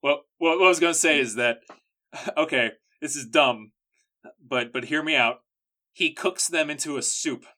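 A man with a bright, forceful voice, casually pitching ideas and stumbling over restarts as he pushes them forward. He sounds eager and quick to jump in. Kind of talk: casual brainstorming chat.

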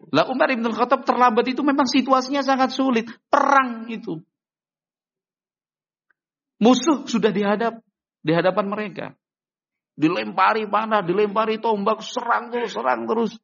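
A man preaching an Islamic sermon in an animated way, acting out short dialogues in a raised voice. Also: vocal fry. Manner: animated, acts out little dialogues with raised pitch. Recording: dull lo-fi recording.

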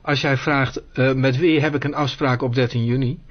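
Relaxed man demonstrating phone features. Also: medium pitch, moderate pace, muffled recording. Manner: relaxed, thinking aloud with fillers. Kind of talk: casual explanatory demo.

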